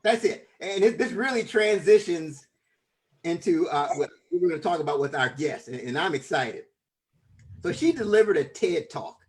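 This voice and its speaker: A man's voice: on the high side, darkish tone. A man hosting a podcast, introducing a guest with enthusiasm and often stumbling over and repeating his words. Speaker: podcast host. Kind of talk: casual interview introduction.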